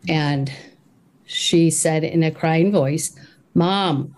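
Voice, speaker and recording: A woman testifying at a hearing, speaking in a slow, deliberate way. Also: sits low, steady tone, darkish tone. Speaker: scam victim testifying.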